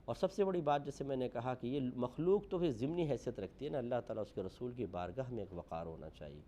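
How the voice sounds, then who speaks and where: Male preacher, dark mellow tone, earnest moral lecture, faint hiss behind. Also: lively intonation. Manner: earnest, moralizing, rises for emphasis then drops low. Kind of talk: religious lecture.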